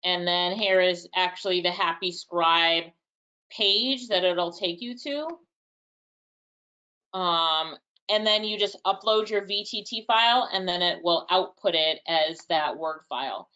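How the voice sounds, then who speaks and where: Hosting a webinar, this Jamaican-accented woman chats casually through viewer questions, musing aloud and laughing lightly. She speaks at a measured pace in a fairly low, bright, smooth voice with a forceful edge, though the audio's highs are cut off.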